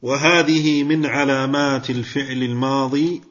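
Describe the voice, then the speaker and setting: A man's voice: mid-range voice, fairly even intonation, moderate pace, fairly bright tone, highs cut off. A man teaching Arabic grammar in a class, explaining step by step, asking questions and praising students' answers.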